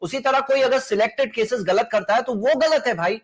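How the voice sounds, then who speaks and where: A high-pitched man argues in a heated live debate. He is insistent and keeps circling back to the same rhetorical questions to press his point. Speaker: debate host.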